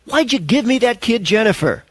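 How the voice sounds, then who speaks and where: A man voicing a brash, smooth-talking male radio talk host who banters on the air. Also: on the high side, very animated, dry recording, voice pushed up. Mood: agitated. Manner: upbeat on-air banter, quick to charm.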